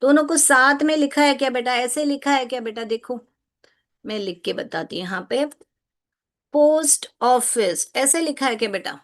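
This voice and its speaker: Woman, teacher, patient, checks if students understand, mixes English phrases in, slightly high voice. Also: normal speed. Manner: patient, repeats questions to students, calls them beta. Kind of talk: explaining a grammar lesson to children.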